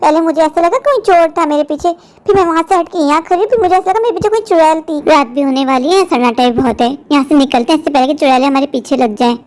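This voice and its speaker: Cartoon office woman, bossy, impatient, scolding, very high quick voice, voiced by a woman. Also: darkish tone, close to an everyday voice. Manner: scolding, lecturing. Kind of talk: cartoon voice acting.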